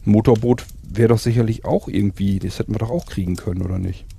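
Gravelly, husky man, low and dark, rambling enthusiastic host for survival role-play. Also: fairly even intonation, quick pace. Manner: rambling, enthusiastic, many fillers.

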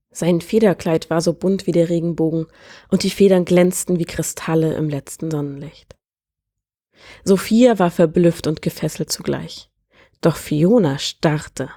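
A woman reading a fairy tale aloud in a calm, measured way as the storyteller. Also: fairly low pitch, no echo, clean studio sound. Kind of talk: scripted fairy-tale narration.

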